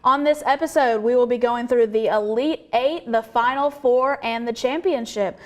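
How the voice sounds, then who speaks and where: A young woman hosts a casual college talk show with a slightly high voice. She is chatty and giggly and quick to turn sentimental. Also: darkish tone. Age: young adult. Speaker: host.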